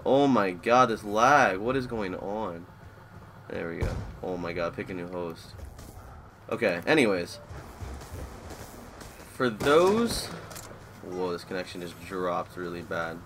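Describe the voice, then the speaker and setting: A man's voice: deep voice, lively intonation, takes it slowly, long pauses, a bit bright, a little hiss or hum. Rambling twenty-something gamer man. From Florida, USA. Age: 20s. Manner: rambling, easily distracted by the match. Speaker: gaming YouTuber. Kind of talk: live gameplay commentary.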